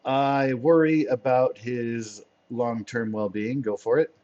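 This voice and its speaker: A man narrating as game master of a tabletop role-playing game, playful and quick to laugh. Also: medium pitch, steady tone, darkish tone. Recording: dull lo-fi sound.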